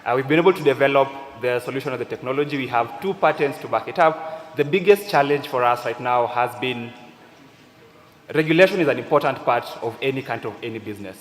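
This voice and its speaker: A man makes his case as a panelist, emphatic and deliberate. His mid-pitched voice carries through a large, reverberant conference hall. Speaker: startup founder, panelist. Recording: echoey hall sound over PA.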